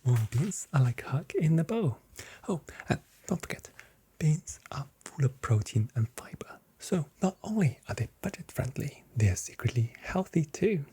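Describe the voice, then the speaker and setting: In an ASMR role play, a grocery shop assistant offers gently playful sales patter in a very soft whisper. The voice is husky and sing-song, with medium pitch and normal speed.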